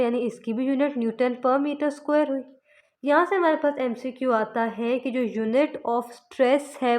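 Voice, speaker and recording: A woman physics teacher from Pakistan giving a lecture, explaining step by step and slowing down to spell out formulas. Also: a little high. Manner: explains step by step, mixing English terms into Urdu.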